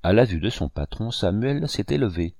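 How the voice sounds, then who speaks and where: A man narrating a classic novel in a steady, dramatic reading. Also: on the low side, normal speed, creaky, dry recording, studio quality. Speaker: audiobook narrator. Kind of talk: scripted narration.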